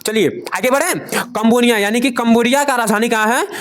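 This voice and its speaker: A man's voice: very high-pitched, fairly quick, a bit bright. A male teacher gives a casual lesson, asking questions and repeating each answer, tripping now and then over foreign names. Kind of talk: casual classroom-style lesson.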